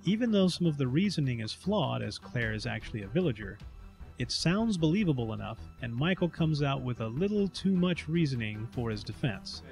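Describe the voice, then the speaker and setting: A man's voice: medium pitch, sing-song, brisk, gravelly, darkish tone, soft background music. A man giving scripted narration as he recaps a party game.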